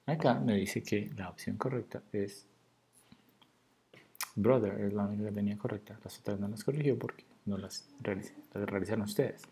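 Low, dark-voiced man teaching English basics. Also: vocal fry. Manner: explains in Spanish, models English words slowly. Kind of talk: recorded grammar lesson.

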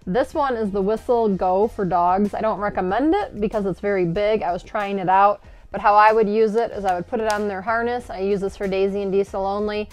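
A woman in her forties giving casual, animated tips in a home-made vlog, seated at a table inside an RV and filmed from a short distance. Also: mid-range voice, a little fast, soft background music. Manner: chatty and animated, gesturing while explaining. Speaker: RV lifestyle vlogger.

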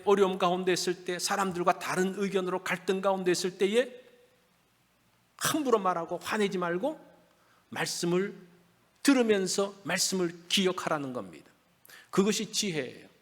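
A man's voice: high-pitched, lively intonation, normal speed, fairly bright tone. A male pastor preaching a Sunday sermon in a church, conversational and asking his listeners questions. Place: church sanctuary. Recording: long reverb of a church hall.

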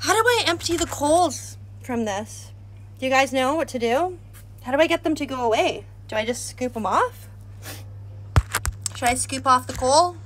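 On a live stream, a woman chats casually while cooking and climbing stairs in and around her house, outdoor stairs and terrace. She is chatty and self-deprecating, asks viewers questions, and pants a little from the heat and stairs. Her voice sits high and a bit bright, with lively intonation at a moderate pace, on a rough recording with a little hiss or hum.

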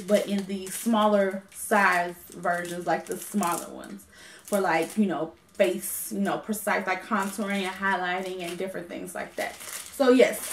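In an echoey room with a little hiss or hum, a woman with a mid-range voice chats casually about her makeup haul. This beauty vlogger has the hiccups and rambles with lots of ums and self-corrections.

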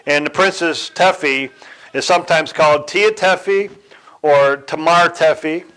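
A man giving a sermon in a deliberate way, pausing, correcting himself and chuckling now and then. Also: fairly high pitch, sharp tone, rough recording. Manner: slow, deliberate delivery with occasional chuckles and self-corrections. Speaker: church speaker.

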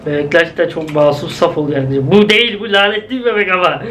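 A high-pitched young man narrates a game as he plays, chatty and jumpy, often calling out to his viewers. Faint room noise sits behind his voice. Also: steady tone, fast, fairly bright tone. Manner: chatty, jumpy, exclaims at scares, talks to viewers. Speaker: gaming video host. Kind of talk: casual let's-play commentary.

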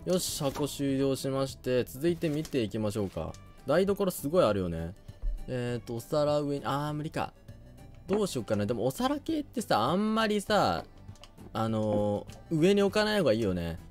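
A man's voice: medium pitch, very animated, normal speed, a little mellow, faint music behind. A young man giving casual game commentary, thinking aloud and often hesitating. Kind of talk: casual let's play commentary.

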